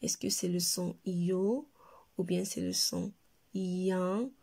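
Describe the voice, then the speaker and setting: A woman with a Moroccan French accent, teaching a slow reading lesson to young children and repeating each word carefully for her pupils. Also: on the low side, fairly even intonation, vocal fry, mellow. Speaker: primary school teacher.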